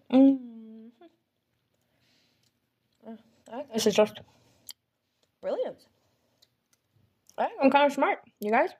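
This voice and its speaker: Young woman vlogging from her floor, husky breathy voice, swoops all over, cursing a lot. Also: high-pitched, very animated, very slow, long pauses, a little mellow. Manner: profane, rambling, emotional, talks to herself. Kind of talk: rambling casual self-talk to camera. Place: at home, lying on the floor.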